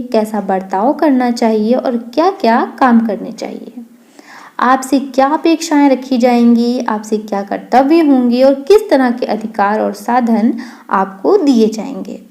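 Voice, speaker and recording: A woman narrating a children's story in a lively, explaining way. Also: a little high.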